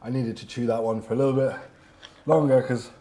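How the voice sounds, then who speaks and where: A man's voice: mid-range voice, fairly even intonation, fairly quick, dark tone, slight background noise. Man hosting a hot wing challenge. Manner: chatty, laughing, reacting to spicy food. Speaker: host. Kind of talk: casual interview during a hot wing challenge.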